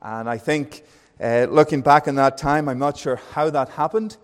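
Man, thirties, Northern Irish accent, pastor, sermon, friendly and unhurried, hesitant fillers, long hall reverb. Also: a little high. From Northern Ireland. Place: church hall.

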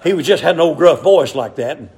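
Animated preacher, folksy and shouting. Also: male voice, on the high side, fast talker. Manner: folksy storytelling, rising to shouted emphasis. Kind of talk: sermon.

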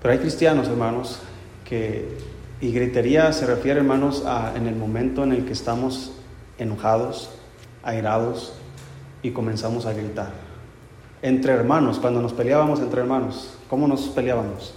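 A male pastor delivers a sermon in a relaxed, conversational way, slipping in humorous anecdotes. His voice sits at an ordinary pitch for a man. The sound carries a roomy, long church-hall reverb with faint background noise. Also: moderate pace.

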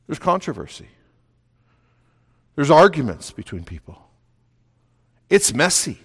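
A man preaching a sermon as pastor, steady in places and building to emphatic, raised delivery. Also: a little high, unhurried, breathy edge. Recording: long reverb of a hall.

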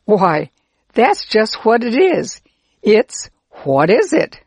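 A woman's voice: fairly high pitch, sing-song, slow, darkish tone, slightly rough, dry recording, voice pushed up, full character voice. A woman voicing a friendly, helpful Israelite man who laughs easily and explains patiently in a children's storybook.

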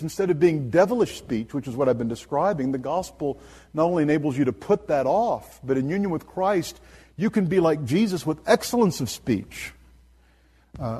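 A man delivers an earnest sermon, pressing his points and reading verses aloud. His voice sits a little high for a man and has a husky edge. A long reverb trails behind him, as if he is preaching in a large hall. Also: darkish tone. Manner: earnest, emphatic, quotes scripture.

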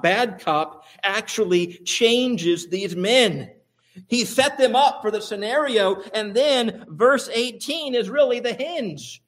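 A man preaching a sermon as pastor, using emphatic, repetitive phrasing. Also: high-pitched.

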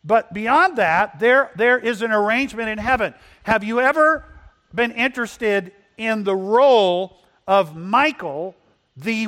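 Reading scripture during a Sunday sermon, a man with a high, fairly bright voice questions his congregation and slows down for emphasis. He is a pastor whose first language is Spanish.

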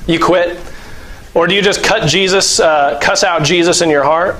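High-voiced man preaching conversationally. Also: moderate pace, low-quality recording. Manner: acts out scenes with lively voices and laughs; conversational, uses many fillers. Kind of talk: sermon.

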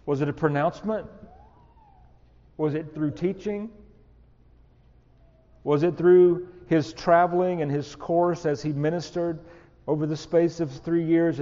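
A man preaching an expository sermon, slow and emphatic, rising on key words. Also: a little high, fairly even intonation, mellow, long reverb tail, muffled recording.

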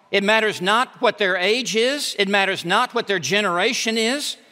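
A man's voice: high-pitched, bright, forceful tone. A male pastor preaching a sermon from the pulpit, emphatic and repeating words for force. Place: church sanctuary. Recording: reverberant hall.

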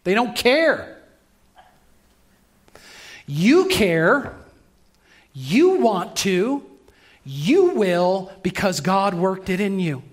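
A man preaching a sermon as pastor in a church, earnest, moving between brisk passages and slow, emphatic lines. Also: sits high, big pitch swings.

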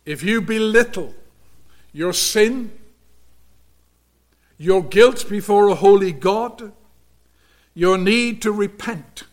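A man with a fairly high voice delivers a sermon at an unhurried, deliberate pace. He preaches earnestly and with emphasis, and often sinks abruptly into a near-hushed tone.

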